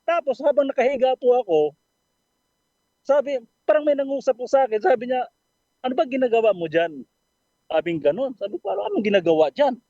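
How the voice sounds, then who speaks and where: An earnest man sharing his faith story on a radio program, polite and full of fillers and restarts. His voice sits high for a man, and the dry, dull recording sounds muffled. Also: animated, brisk, long pauses, dark tone, no room sound. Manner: earnest, polite, with frequent fillers and self-corrections. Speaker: caller sharing a testimony.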